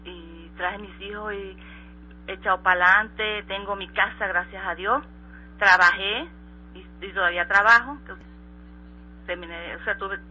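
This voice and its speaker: A middle-aged woman from Colombia, giving an emotional personal testimony in an interview, halting and repeating words as she goes. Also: mid-range voice. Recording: slightly muffled radio with soft music.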